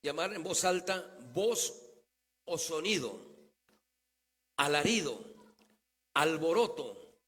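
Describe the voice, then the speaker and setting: A man preaching a sermon as pastor, asking rhetorical questions and answering them himself, shifting between quiet asides and loud declarations. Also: a little high, expressive, slow, long pauses, long reverb tail. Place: church sanctuary.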